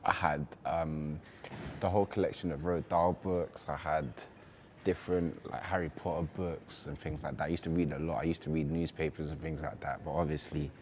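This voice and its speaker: A young man in his twenties talks casually in an interview, dropping plenty of "um" and "like" as he goes. His voice is very deep, with faint ambient noise behind him. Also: moderate pace. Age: 20s. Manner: relaxed, chatty, frequent "um" and "like". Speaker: university student interviewee.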